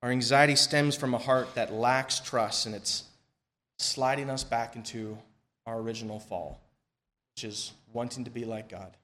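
A man preaching a sermon and leading prayer at a pulpit microphone in a church, reading scripture in a measured, emphatic way that falls soft at the ends of phrases. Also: mid-range voice, steady tone. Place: church sanctuary.

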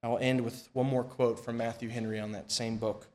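A man preaching a sermon and leading prayer at a pulpit microphone in a church, reading scripture in a measured, emphatic way that falls soft at the ends of phrases. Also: mid-range voice, level tone, slight background noise. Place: church sanctuary.

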